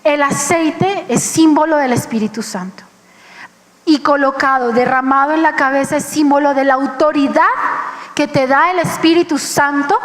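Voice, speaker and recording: A woman's voice: sits high, big-room sound. A woman with a Colombian Spanish accent preaching a passionate sermon, acting out the voices she quotes. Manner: impassioned, acts out quoted voices. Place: church.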